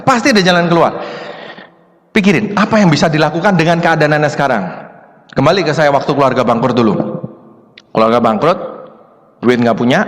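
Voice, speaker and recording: High-voiced man speaking in a reverberant hall. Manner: conversational, plain-spoken, acts out quoted exchanges and jokes. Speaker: motivational speaker. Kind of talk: live seminar talk to an audience. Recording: long hall reverb from a live talk.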